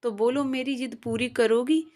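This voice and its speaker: A woman voicing an ailing elderly mother, gentle and patient, read in a soft, resigned way. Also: on the high side, steady tone, moderate pace, natural voice.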